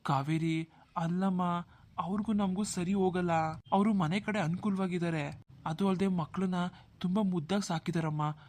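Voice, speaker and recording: A man's voice: high-pitched, fairly even intonation, moderate pace, a little mellow. A man voicing a poor, anxious young village brother in a cartoon, who talks in a pleading, self-pitying way. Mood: worried. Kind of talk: Kannada cartoon dubbing.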